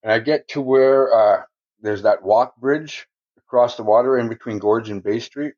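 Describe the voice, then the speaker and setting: A man's voice: medium pitch, moderate pace, darkish tone. A man telling a long personal story in casual podcast talk, swearing a lot and chuckling as he rambles. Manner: profane, rambling, chuckles often. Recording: dull lo-fi recording.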